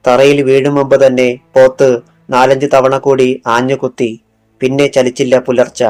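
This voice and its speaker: A man's voice: mid-range voice, a little mellow. A man reading a thriller audiobook in scripted narration, dropping his voice for quoted lines. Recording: faint music underneath.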